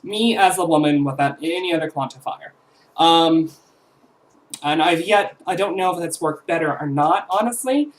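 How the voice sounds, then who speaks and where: A woman's voice: deep voice, normal speed, rough recording. A woman in her twenties chatting casually to camera as a vlogger, rambling with fillers and self-corrections. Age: 20s.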